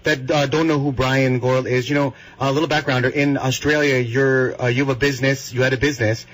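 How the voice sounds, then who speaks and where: A man co-hosting a morning radio show, asking halting questions full of fillers. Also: medium pitch, level tone, fairly bright tone, low-quality recording. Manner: hesitant, filler-heavy questions. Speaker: radio co-host. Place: radio studio.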